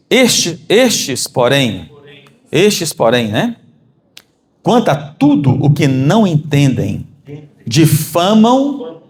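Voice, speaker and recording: A Brazilian man preaching a sermon to his congregation, calling them brothers and climbing to emphatic peaks. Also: fairly high pitch. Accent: Brazilian Portuguese. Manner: animated, rising to emphatic peaks. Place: church.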